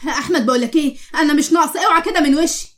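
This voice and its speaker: Bitter young egyptian wife, sharp and dismissive, high quick voice, a woman doing her. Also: animated. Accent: Egyptian Arabic. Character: bitter, harsh young married daughter.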